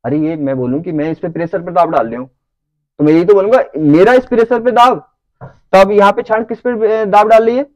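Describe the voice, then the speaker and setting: A man's voice: high-pitched, brisk, no echo, poor audio. A man teaching a lecture who keeps asking the class whether they follow. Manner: checks understanding with repeated questions.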